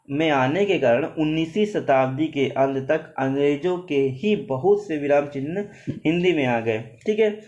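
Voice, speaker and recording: A man's voice: on the high side, a little mellow, lo-fi sound. A man teaching an online Hindi grammar class with an Indian accent, explaining step by step and repeating key words, mixing in English words.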